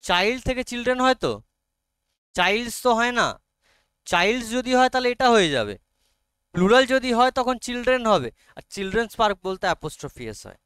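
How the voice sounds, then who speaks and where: Man, Bengali accent, teacher, classroom lesson, checks in with students, high voice, dry sound. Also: lively intonation, fast talker, fairly bright tone, smooth, no echo. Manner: frequent check-ins with students.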